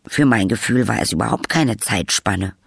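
A man's voice: lowish voice, expressive, normal speed, creaky, husky, dry recording, clean studio sound, heavily acted. Brief: man doing an eager young prince. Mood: flustered. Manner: eager, flustered.

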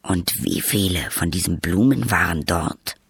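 Brief: a man playing a grim older commander, low, slow, gravelly and dry. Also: fairly bright tone, no room sound, full character voice. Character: gruff older male leader, dry and impatient.

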